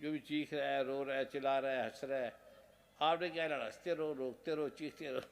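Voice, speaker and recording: A man's voice: mid-range voice, fairly even intonation, brisk. A man, a spiritual guru, preaching a devotional sermon in short, repeated phrases, stern and earnest.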